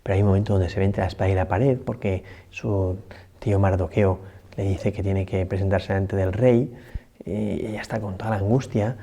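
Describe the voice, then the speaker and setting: A man's voice: deep voice, fairly even intonation, brisk, warm tone. A priest speaking gives a conversational morning homily, often adding tag questions and restarting his sentences. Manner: conversational, many rhetorical tags and restarts.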